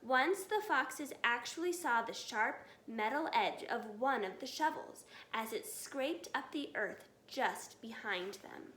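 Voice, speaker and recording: A woman giving an expressive children's read-aloud. The voice is high and very animated, taken at an unhurried pace. The room adds a noticeable echo. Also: a little hiss or hum. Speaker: storybook reader.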